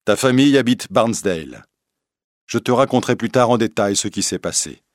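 A man's voice: a little fast, no echo, studio quality. A man reading a storybook aloud as narrator, giving the characters their own voices. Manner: lively, animated reading that lifts into higher voices for the characters.

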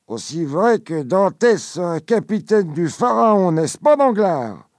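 Drunk man, slurred, shouting high, swooping voice. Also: very animated, slow, dry recording, studio quality, exaggerated voice. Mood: boisterous. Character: drunk loud jovial man, boisterous teasing tavern friend.

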